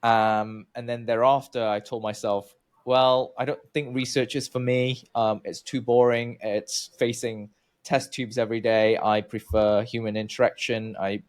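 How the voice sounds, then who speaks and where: A man's voice: mid-range voice, little pitch movement, measured pace. A man from Malaysia in his thirties, telling his own story as a researcher guest in an interview, chatty with many fillers and restarts.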